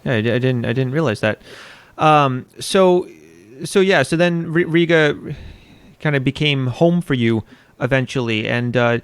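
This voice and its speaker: A man's voice: medium pitch, unhurried, clean tone, no echo. An American man hosting an interview, asking long questions full of hesitations and restarts. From United States. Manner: hesitant, many fillers and restarts. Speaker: interviewer, podcast host.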